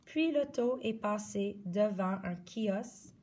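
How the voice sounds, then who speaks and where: A woman reading a children's picture book aloud slowly and expressively. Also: medium pitch, distant mic, slight background noise. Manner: slow, clear, expressive read-aloud. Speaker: storyteller.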